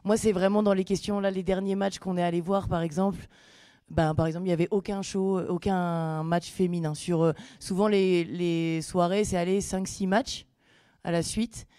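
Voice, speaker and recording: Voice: medium pitch, steady tone, normal speed, mellow, clean tone, no room sound, clean studio sound. A person giving an informal, rambling explanatory answer in a colloquial, hedging way.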